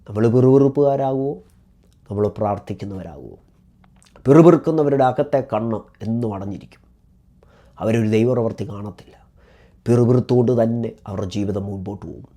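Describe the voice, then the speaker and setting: A man's voice: medium pitch, dark tone. A man preaching a devotional sermon with a Malayali accent, in a repetitive cadence that rises to emphatic exhortation.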